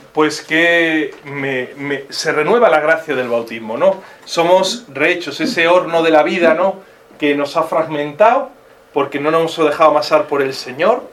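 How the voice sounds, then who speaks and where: A man's voice: on the high side, a little hiss or hum. A man with a Spanish accent teaching a religious class informally, full of rhetorical questions and acted-out voices. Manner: animated, asks many rhetorical questions, acts out quoted voices. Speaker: catechist.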